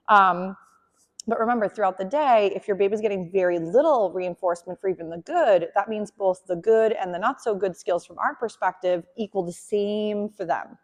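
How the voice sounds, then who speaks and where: Gentle woman trainer in a reverberant room. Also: medium pitch. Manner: gentle and encouraging, softly praising the dog. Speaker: dog trainer. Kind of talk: hands-on training lesson.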